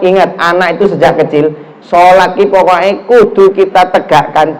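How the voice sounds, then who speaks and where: A middle-aged man from Java with a Javanese accent, giving a lively sermon in a mosque, telling stories and acting out the people in them. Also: high-pitched, rough recording. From Java, Indonesia. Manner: animated storytelling, acts out dialogue, mixes in Javanese phrases. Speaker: preacher.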